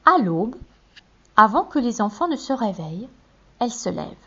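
A woman reading a fairy tale aloud with expressive storytelling. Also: a little high, normal speed, husky. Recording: muffled, dull recording.

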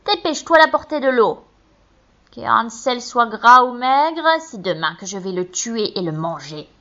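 Femme jouant une vieille sorcière méchante, voix mielleuse puis criarde, enregistrement sourd. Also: female voice, animated, a little slow, a bit bright, muffled recording. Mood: impatient. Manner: honeyed then shrill and barking. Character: wicked old witch, half-blind, cruel.

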